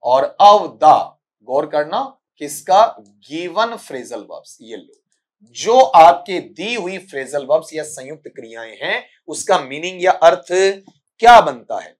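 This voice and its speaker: Male English tutor, Rajasthani Hindi accent, slightly higher voice, stern, drills pronunciation. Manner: scolding, repeatedly asks "ठीक है?" and calls students "बेटा"; spells out sounds slowly and repeats words for drilling. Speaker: English teacher. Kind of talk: exam-prep lesson answering student questions.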